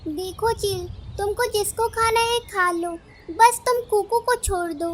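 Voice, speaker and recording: A woman's voice: very high-pitched, a little slow, slight background noise. A woman voicing a brave little sparrow in a cartoon, defiant and determined.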